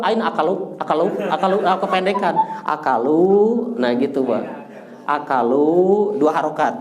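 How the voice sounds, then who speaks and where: High-voiced teacher guy, slow and patient, sings the drills, chuckles a lot. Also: a little mellow. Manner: patient, drills vocabulary, chants words in a sing-song tune; jokes and chuckles while correcting. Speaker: Arabic teacher. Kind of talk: classroom lesson.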